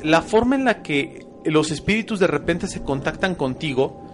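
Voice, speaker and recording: A man, hosting a casual chat and telling a story animatedly, with frequent restarts. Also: on the high side. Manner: animated, many restarts and fillers.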